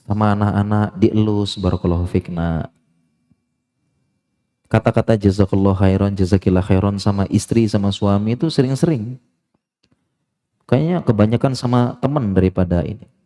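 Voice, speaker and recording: A middle-aged male Islamic preacher giving a lively sermon and acting out little everyday dialogues. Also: lowish voice.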